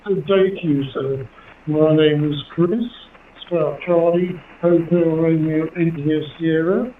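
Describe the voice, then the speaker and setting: A man's voice: a little high, fairly even intonation, a little slow, echoey room, far from the mic. A man from Jersey in the Channel Islands chatting and giving call signs as a ham operator over two-way radio. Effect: two-way radio transmission. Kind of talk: ham radio contact, phonetic spelling and casual chat. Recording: tinny handheld radio through repeater, faint hiss.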